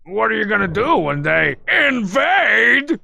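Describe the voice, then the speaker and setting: A man voicing a scheming, pompous little cartoon tyrant with a gravelly, barking, scornful delivery. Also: high voice, big pitch swings, a little slow, bright, forceful tone, no room sound, heavily acted. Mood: scheming, pushy. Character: scheming, blustery little cartoon villain turned tyrant, male. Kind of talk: cartoon game acting.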